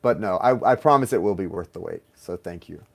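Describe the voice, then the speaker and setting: A man's voice: deep voice, a little fast, creaky. A man hosting a live tarot stream, chatting casually, reading viewer comments aloud and laughing easily.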